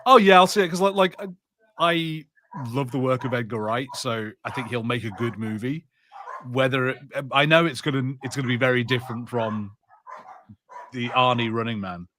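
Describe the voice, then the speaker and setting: In a relaxed film-chat watch party, this podcast co-host jokes around and swears freely. He speaks at a moderate pace in a medium-pitched, slightly bright voice, and the recording has a little hiss or hum.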